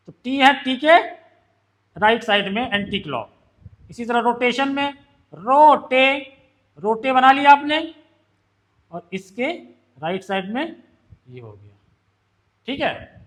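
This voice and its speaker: High-voiced shorthand teacher. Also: male voice, fairly bright tone. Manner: explains step by step, asks students questions. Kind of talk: classroom lesson.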